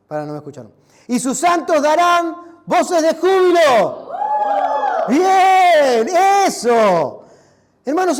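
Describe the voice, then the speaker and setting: A very high-pitched male pastor with a Rioplatense Spanish accent preaches a sermon in church. His delivery swings between loud shouts and hushed, quiet lines.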